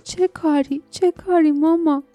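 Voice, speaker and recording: A woman's voice: high voice, fairly even intonation, dark tone, dry recording, soft background music, pitched above the performer's own voice, close to an everyday voice. A woman narrator voicing a fierce young forest girl, breathless and urgent. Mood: pleading, upset. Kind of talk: audiobook character reading.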